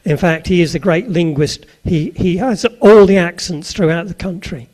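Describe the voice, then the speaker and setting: A man's voice: high-pitched, normal speed, darkish tone. An older man with a Suffolk accent gives an anecdotal sermon to a live audience. He talks in a chatty way, tosses questions to the listeners and drops in jokey asides. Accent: Suffolk English. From Suffolk, England.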